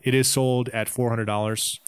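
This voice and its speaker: A man co-hosting a casual gaming podcast, relaxed and rambling, with lots of "um" and "you know". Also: mid-range voice, normal speed, clear, resonant tone. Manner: relaxed, lists things, many "um"s and "you know"s. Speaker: podcast co-host.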